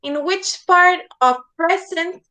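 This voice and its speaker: The audio is poor as a woman with an extremely high, pushed, bright voice teaches an online English lesson slowly. She patiently repeats words and asks "okay?" over and over.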